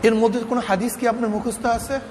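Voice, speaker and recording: A man preaching an emotional sermon, telling a story with rising, near-shouted, sing-song passion. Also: very high-pitched, little pitch movement, quick pace, slight background noise. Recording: long hall reverb with faint ambience.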